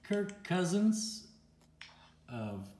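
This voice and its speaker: This card-opening channel host is a chatty man with a high-pitched, very animated voice, warm in tone, who stretches out his words. He opens card packs in a casual unboxing chat, laughing often and reading the card names aloud. The room sounds roomy and echoey, with faint noise.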